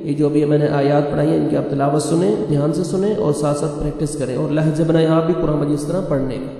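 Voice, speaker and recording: A man's voice: a little high, steady tone, quick pace, creaky, mellow. A man teaching a Quran recitation lesson, patiently and methodically spelling out letters and vowel marks step by step. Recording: roomy reverb, long echo, faint music.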